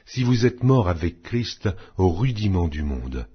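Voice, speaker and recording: As an audiobook narrator, a man reads scripture in a solemn, scripted Bible reading, his low voice somewhat rough and husky. He goes slowly, declaiming each phrase in a measured way, yet is very animated. The audio is dull, muffled, and lo-fi.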